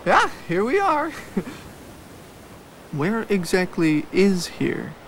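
Fussy, lively-pitched cartoon animal. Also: male voice, very slow, background noise, full character voice. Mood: wondering. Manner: fussy, dry, complaining. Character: fussy, anxious male zoo animal, hypochondriac complainer. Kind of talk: animated film comedy acting. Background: music.

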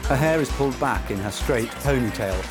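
A man reading scripted audio description of a film in the present tense, in a measured, descriptive way. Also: medium pitch, music in the background.

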